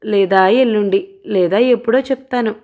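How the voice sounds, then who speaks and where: A woman's voice: mid-range voice, moderate pace, darkish tone, lightly acted. A woman voicing a playful young wife who teases her husband in a coy, sing-song way in an audio novel. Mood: teasing.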